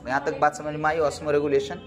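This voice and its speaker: Speaking quickly in a level, slightly high voice, a man lectures on biology. He fires repeated questions at his students and affectionately calls them "beta."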